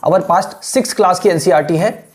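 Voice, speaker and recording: A man teaching an English lesson in mixed Hindi and English, asking rhetorical questions and repeating words slowly to show how they are pronounced. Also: high-pitched. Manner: asks rhetorical questions and answers them.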